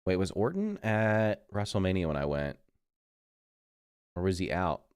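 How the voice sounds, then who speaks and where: This livestreaming gamer, a middle-aged man, has a low, slightly mellow voice with big pitch swings and a measured pace. He sounds stuffed up, rambles in casual chat, corrects himself mid-sentence, and mutters when occupied. The tone is clean, with no echo and studio quality.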